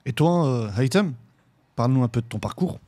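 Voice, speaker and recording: A man hosts a podcast from a studio, his voice slightly husky and airy. He asks questions in an easy, chatty way and picks up on his guests' answers. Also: mid-range voice, fairly quick. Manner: lively sponsor read, then relaxed questions. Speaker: podcast host. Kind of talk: casual interview.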